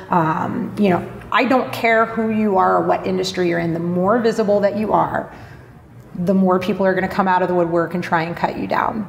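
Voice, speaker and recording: A woman with a lowish, creaky voice is a guest on a podcast, where she works as a marketing blogger. Her interview talk is candid and blunt, packed with fillers and a bit of swearing. The sound has a roomy echo and faint noise.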